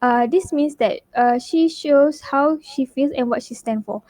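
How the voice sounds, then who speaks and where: A woman's voice: sits high, a little slow, a little mellow, no room sound. A young woman giving a scripted university class presentation, reading steadily with frequent fillers and self-corrections. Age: young adult.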